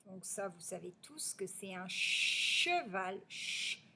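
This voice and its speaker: A woman's voice: on the low side, flat delivery, vocal fry, background noise. A woman teaching a phonics review to young children. She stretches out the words and drops to a near whisper on the answers. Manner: slow, stretched-out sounding of syllables.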